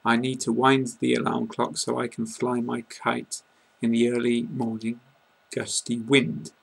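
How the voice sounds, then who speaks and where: A man with a British English accent giving a slow, careful pronunciation lesson, saying each word deliberately. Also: medium pitch, completely flat delivery, creaky, slightly rough, rough recording. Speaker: English teacher.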